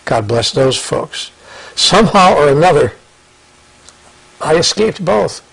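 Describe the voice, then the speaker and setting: In slow, reflective conversational storytelling, this older male interview guest earnestly lays out his experiences and thinking, frequently restarting and repeating himself while bringing in other people's words through lively asides. His voice is a little high, with vocal fry and a breathy edge, captured on a low-quality recording.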